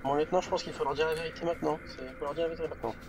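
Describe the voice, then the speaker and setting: A man's voice: on the high side, flat delivery, rapid-fire, gravelly, a little mellow. A man playing in a tabletop role-playing game, improvising and chatting through his character's moves.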